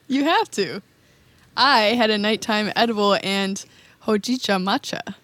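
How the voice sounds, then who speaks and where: A woman's voice: medium pitch, slow, fairly bright tone, a little hiss or hum. A woman co-hosting a podcast in casual chat, playful and teasing with her co-host. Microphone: podcast mic.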